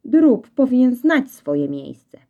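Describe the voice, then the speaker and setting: A woman's voice: fairly low pitch, very animated, breathy edge, narrow, tinny audio. A woman voicing a proud, haughty male farm dog in a storybook, talking down to others with superiority. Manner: superior, lofty and slow.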